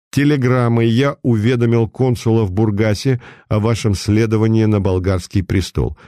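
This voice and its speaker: A man voicing an unflappable police detective, calm and sarcastic, speaking in a measured way, in a dry recording. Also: on the low side, no room sound, natural voice.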